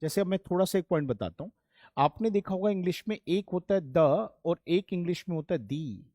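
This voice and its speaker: A man's voice: sits high, fast, warm tone, dry recording, studio quality. A man teaching an English grammar lesson, patient and repeating key points while addressing his students as children, with an Indian accent. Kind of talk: classroom-style grammar lesson.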